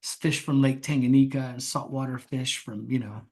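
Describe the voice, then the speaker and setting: A man tells a story in a casual podcast interview, swearing freely and acting out the people he quotes. His telling is lively and loose, with plenty of asides. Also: mid-range voice, moderate pace, slightly rough. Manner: animated storyteller who acts out quoted voices, swears freely. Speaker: guest, pond construction company founder.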